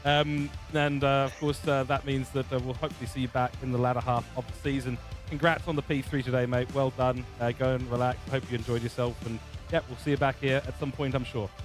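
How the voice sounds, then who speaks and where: A man's voice: medium pitch, little pitch movement, fairly quick, soft background music. Chatty New commentator man. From New Zealand. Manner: chatty, jokey, many fillers. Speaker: race commentator. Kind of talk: sim racing broadcast sign-off.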